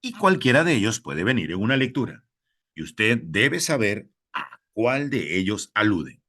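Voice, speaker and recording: A man with a Peruvian Spanish accent teaches at an unhurried pace, his voice bright and lively in pitch. He repeats each rule slowly and addresses the listener directly as a fellow teacher. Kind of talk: recorded lesson for teachers.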